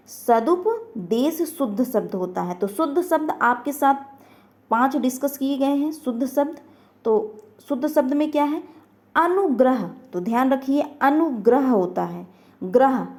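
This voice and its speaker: A woman's voice: high-pitched, a little mellow. A woman teaching an online grammar lesson, asking questions and answering them herself, repeating each word.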